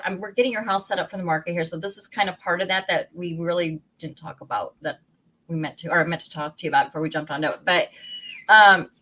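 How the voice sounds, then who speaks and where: A medium-pitched woman with a fairly bright tone co-hosts a real estate podcast, heard through a low-quality recording. Chatting casually in a Pacific Northwest American accent, she rambles, laughs often, and keeps restarting her thoughts.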